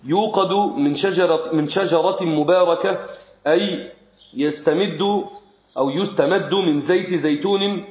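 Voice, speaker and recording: A man reading a classical commentary aloud to his teacher in a steady recitation. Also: sits high, normal speed, roomy sound, poor audio. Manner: steady recitation with small restarts.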